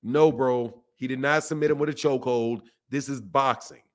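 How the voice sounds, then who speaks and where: Talking to the chat on his casual boxing stream, this host sounds hoarse from yelling, though his mid-range voice holds a steady tone at normal speed. He's emphatic and repetitive, frequently calling listeners man or bro.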